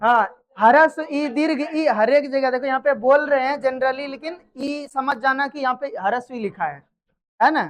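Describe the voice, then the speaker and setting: A woman with a high voice teaches grammar to a live class at a moderate pace. She poses questions to the students, repeats their answers back and checks whether they have understood.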